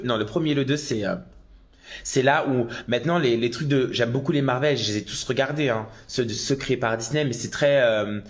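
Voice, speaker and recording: Answering comments live as they pop up, a man who performs drag talks eagerly on a casual livestream from his phone. His voice sits at a typical middle pitch for a man, and every so often he bursts into loud exclamations.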